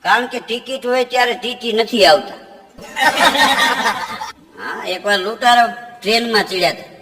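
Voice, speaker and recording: A man telling folk jokes and stories on stage, chuckling at punchlines and chanting verses slowly. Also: very high-pitched, expressive, big-room sound, heavy background noise. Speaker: folk comedian. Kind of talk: Gujarati folk storytelling with jokes.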